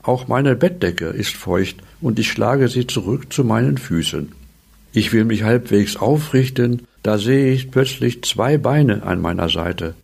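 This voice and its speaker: A man reading a comic first-person story in a slow, deliberate way. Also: medium pitch, lively intonation, gravelly, darkish tone, slightly rough. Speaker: narrator.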